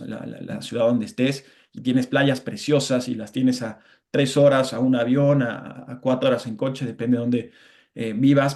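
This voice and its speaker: A Mexican man with a mid-range, slightly mellow voice talks reflectively as an interview guest in a casual conversation. He often restarts and adds tag questions.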